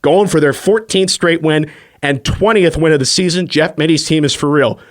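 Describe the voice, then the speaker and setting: A man with a slightly higher voice hosts a sports radio show from a studio microphone. He races through rankings and game times in a breezy, rapid way, sprinkling in uh's as he goes.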